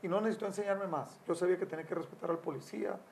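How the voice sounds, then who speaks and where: Gravelly older man telling family stories. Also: high voice, very fast, darkish tone, slight background noise. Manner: storytelling, acts out quotes with raised voice. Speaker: family counselor guest.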